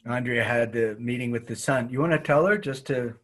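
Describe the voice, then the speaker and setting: A man's voice: medium pitch, a little fast. A man teaching a qigong class, talking frankly and reflectively with his students. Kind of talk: group class discussion.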